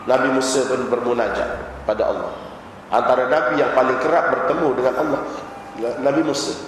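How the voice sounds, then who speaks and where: A man's voice: mid-range voice, fairly even intonation, fairly quick. A man with a Malaysian Malay accent giving a sermon as a religious teacher, telling stories and asking the audience rhetorical questions. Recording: very echoey hall recording, faint noise.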